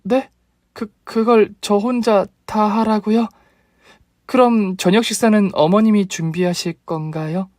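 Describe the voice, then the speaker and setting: A man's voice: sits high, fairly even intonation, measured pace, darkish tone, no echo, studio quality, voice pushed up. A man voicing a meek young daughter-in-law.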